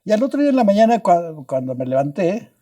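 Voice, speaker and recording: This older guest scientist from Mexico tells podcast stories in a Mexican Spanish accent, talking fast in a high, dark-toned voice that's very animated. He keeps restarting words and adding tag questions.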